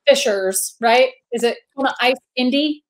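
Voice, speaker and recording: A woman from Indiana hosting a relaxed live chat. Her voice sits high and bright, and she rambles cheerfully with lots of fillers and giggles. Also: normal speed. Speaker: host. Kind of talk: casual live-stream chat.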